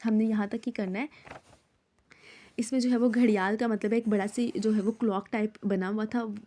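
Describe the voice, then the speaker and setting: A woman's voice: medium pitch, steady tone, normal speed, dark tone. A woman teacher from Pakistan leads a recorded Urdu lesson for her students. She reads the text aloud, explains each hard word in plain terms and keeps checking with "okay?".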